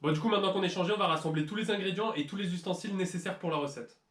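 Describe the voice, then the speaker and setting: A man's voice: sits high, very fast, noisy background. A man hosting a cooking video, explaining history and ingredients in a playful, teasing way with mock-serious jokes. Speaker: cooking channel host. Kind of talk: jokey cooking video narration. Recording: roomy echo.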